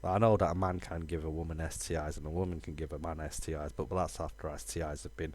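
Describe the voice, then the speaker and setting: A man streaming a game, talking casually in a rambling, halting way with lots of fillers. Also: very deep voice, steady tone, darkish tone. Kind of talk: casual live-stream chat.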